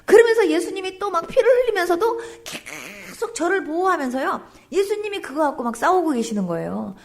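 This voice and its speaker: A woman's voice: extremely high pitch, very animated, brisk. A woman pastor giving an emotional testimony sermon, telling her story with exclamations and dropping at times to a whisper.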